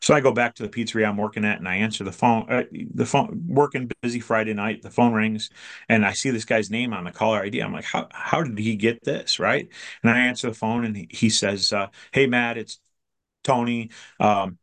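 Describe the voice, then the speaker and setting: Man with a fairly low voice, casual storyteller who acts out the dialogue and restarts his sentences. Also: steady tone, brisk, a bit bright. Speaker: person sharing a recovery story. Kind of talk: personal storytelling.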